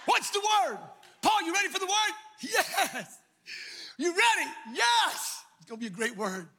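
A male pastor preaching a sermon, shouting in a sing-song call-and-response style. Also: very high-pitched, big pitch swings, fast talker.

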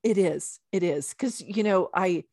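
A woman's voice: on the low side, measured pace, a little mellow, no echo, studio quality. A woman talking casually as a guest in a conversational interview, with an emphatic, affirming way of speaking. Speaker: podcast guest.

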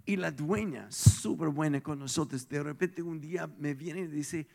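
Hoarse pastor, high gravelly voice. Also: male voice, moderate pace. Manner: animated, swings from shouts to hushed asides. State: tired, strained throat. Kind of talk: lively storytelling sermon.

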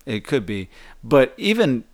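Man, podcast co-host, casual banter, hesitant restarts, skeptical, mid-pitched. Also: sing-song, unhurried. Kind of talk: casual comedic couple chat.

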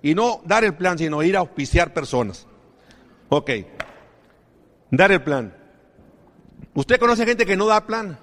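High-voiced man, motivational talk. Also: animated, moderate pace, a bit bright. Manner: emphatic, keeps asking the audience questions. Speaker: business opportunity speaker. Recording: long reverb of a large hall.

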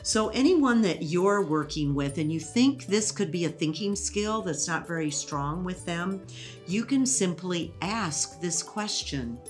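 A woman educator explaining thinking skills in a relaxed interview, teacherly and quick to laugh. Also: on the low side, soft background music. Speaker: educator guest. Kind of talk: conversational interview.

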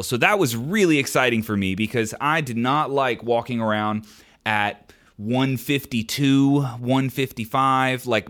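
On his own podcast, a young adult man answers listener questions candidly and ramblingly, with frequent ums and restarts. His mid-range voice is a bit bright and comes through a podcast microphone.

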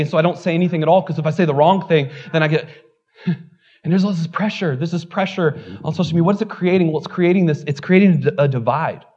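A high, slightly mellow male voice comes through a muffled recording of a church sermon. The pastor speaks candidly and conversationally, making fun of himself and filling his lines with "like."

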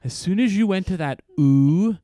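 A man's voice: high-pitched, animated, normal speed, dark tone, dry recording, studio quality. A man co-hosting a casual podcast, explaining voice science terms and thinking aloud with frequent restarts. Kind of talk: casual technical discussion.

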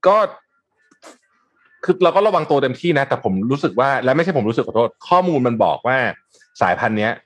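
A man hosting a casual news talk show, chatting with co-hosts in an animated, sarcastic way with many restarts. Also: medium pitch, a little fast. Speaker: host.

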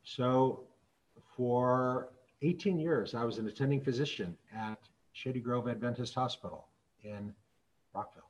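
A man's voice: mid-range voice, dull audio. Earnest middle-aged male speaker. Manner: earnest, measured storytelling. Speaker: physician and speaker. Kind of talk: public talk with stories.

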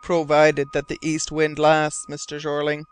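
A man's voice: on the high side, completely flat delivery, a little slow, smooth, faint music behind, lightly acted. A man voicing a stern, determined male sea captain who speaks in a grave, earnest way.

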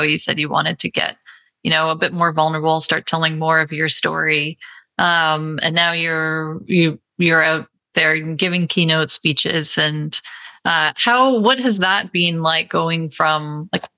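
A woman hosting a podcast interview, asking questions in a halting way and restarting mid-sentence. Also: sits low, pushed and bright, dry recording, low-quality recording. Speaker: podcast host.

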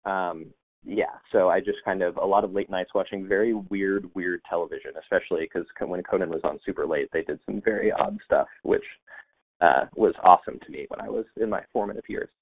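Over a tinny, phone-like remote line, an American man with a low voice talks fairly quickly as a podcast guest. It's a relaxed interview chat, heavy on fillers and restarts.

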